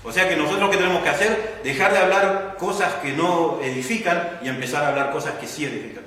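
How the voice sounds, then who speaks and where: Heard from a distance in an echoey church hall, a man with an Argentine accent preaches in a sharp, rather high voice. His manner is teacherly and patient, often checking in with the congregation by asking questions and adding "¿no?".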